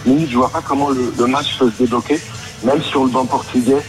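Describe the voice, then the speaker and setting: A man's voice: mid-range voice, fairly even intonation, fairly quick, low-quality recording. Male radio caller, nervy, lots of ums, music under him. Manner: nervy, full of hesitations. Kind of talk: radio phone-in chat.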